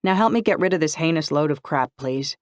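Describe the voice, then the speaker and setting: Male reader doing a clipped, blunt seventeen-year-old siren girl, brighter and higher, in a dry audiobook read. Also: expressive, brisk, dry recording, natural voice. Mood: guarded. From Canada. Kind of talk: audiobook character voice.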